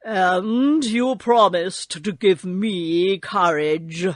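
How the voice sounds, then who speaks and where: A woman's voice: mid-range voice, extremely slow, no echo, clean studio sound. A woman voicing a cowardly male lion in a storybook, plaintive, demanding and exclaiming. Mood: demanding, dismayed.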